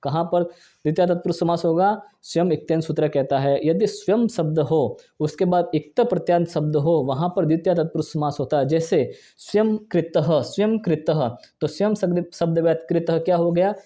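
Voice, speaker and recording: Man teaching grammar, fast and repetitive, mellow tone, slightly high voice. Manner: repeats each example, asks and answers own questions; fast, brisk delivery. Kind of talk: exam-prep grammar lesson.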